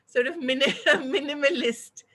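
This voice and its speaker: A woman with an Indian accent hosts an online talk show, conducting a conversational interview over a video call picked up on a video-call microphone with crowd noise. Her high-pitched voice is unhurried, polite and somewhat rambling as she frames questions.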